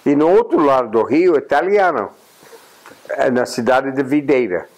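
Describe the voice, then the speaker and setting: Recorded with poor audio in a plain indoor room, this native English-speaking American in his eighties has a medium-pitched, animated, darkish voice. The journalist and honorary consul gives a reflective interview at an unhurried pace, frequently saying "ah" and restarting.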